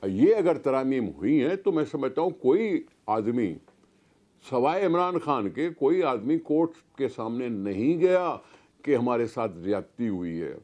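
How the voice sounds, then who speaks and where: A man's voice: medium pitch, big pitch swings, measured pace. A man with a Pakistani Urdu accent, a political guest making a heated, argumentative case on a talk show. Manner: forceful, rhetorical questions.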